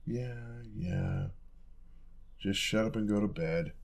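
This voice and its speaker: A man voices a young male roommate for a cozy boyfriend-style audio roleplay, soft-spoken, casual, teasing and coaxing toward the listener with affection. His fairly low voice has heavy fry crackle, and he speaks slowly with wildly swooping pitch in a heavily acted way.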